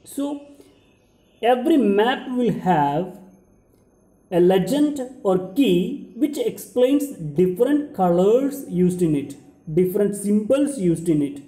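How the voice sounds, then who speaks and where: A man's voice: high voice, lively intonation, slow pace, warm tone. A young man lecturing as a teacher, explaining and rephrasing key points step by step over slides. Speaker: geography teacher. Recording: roomy indoor echo.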